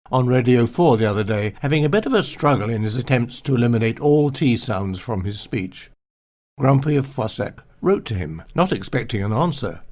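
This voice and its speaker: A man's voice: medium pitch, vocal fry, darkish tone. Older male author narrating his memoir; wry, pernickety delivery that mimics pronunciations. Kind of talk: audiobook memoir reading.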